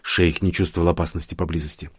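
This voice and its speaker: A man with a low voice reads a novel aloud in scripted narration and does the characters' voices himself. The sound is dry and close, with no room around it. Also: little pitch movement, fast talker, breathy edge, no echo. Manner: plays all the characters. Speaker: audiobook narrator.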